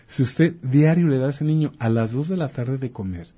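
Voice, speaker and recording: A man with a warm, mellow and slightly husky voice, talking like a doctor on a chat show. He explains by acting out short dialogues and firing off rhetorical questions. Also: mid-range voice, brisk. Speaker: doctor guest. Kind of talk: casual talk-show chat.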